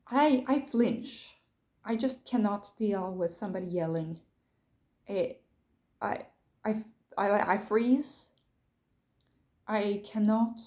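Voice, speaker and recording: A woman's voice: fairly high pitch, warm tone. Agitated woman retelling a story. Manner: agitated, emotional retelling with many restarts. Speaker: vlogger. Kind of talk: casual vlog storytelling.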